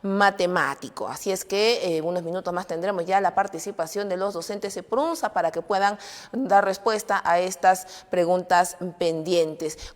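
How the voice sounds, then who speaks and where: Woman presenter in a reverberant hall. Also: medium pitch. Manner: formal, introduces guests. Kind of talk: live broadcast hosting.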